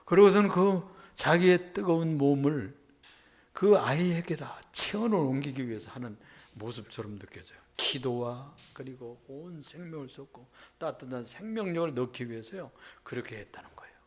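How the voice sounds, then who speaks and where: A male pastor preaches a sermon with a slightly high-pitched voice, retelling a story dramatically. He keeps checking in with the congregation through short questioning asides. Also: lively intonation, normal speed.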